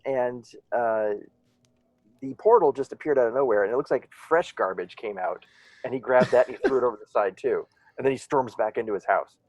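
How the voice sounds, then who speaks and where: A man's voice: medium pitch, brisk, a little mellow, dry recording, lo-fi sound. A man narrating as game master, rambling with many fillers and restarts.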